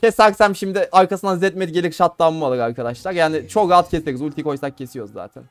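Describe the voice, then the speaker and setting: Young man, fairly high voice, playful gameplay commentary, faint music behind. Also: quick pace. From Turkey. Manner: playful, laughing, talks to the viewers. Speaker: gamer streamer.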